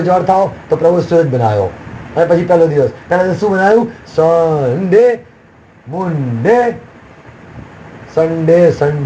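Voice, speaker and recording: A man's voice: high voice, dark tone, dull audio, a little hiss or hum. A man preaching a sermon as a pastor, with sudden emphatic rises and repeated refrains.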